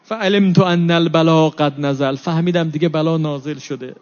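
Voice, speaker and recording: A man's voice: fairly high pitch, fairly even intonation, darkish tone. A man preaching a mourning sermon, reciting Arabic lines and then explaining each one in Persian. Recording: dull lo-fi recording.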